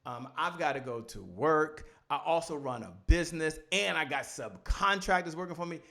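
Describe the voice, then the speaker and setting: In a home studio with a poster at his back, a high-voiced male host conducts a casual green-room interview, talking at normal speed with a creaky edge. He's animated and gestures with his hands, speaking into a boom-arm studio mic.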